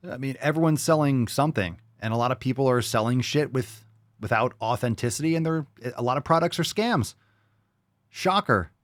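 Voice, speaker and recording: A man's voice: medium pitch, no room sound. A man giving off-the-cuff reaction commentary in a smug, sarcastic, mocking way, blunt and sweary. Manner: blunt, profane.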